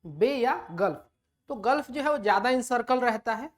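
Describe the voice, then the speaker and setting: A woman's voice: on the high side, lively intonation, moderate pace. A woman teaching a lecture who asks her students questions and then answers them herself, mixing English terms into her explanations. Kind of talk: classroom lecture.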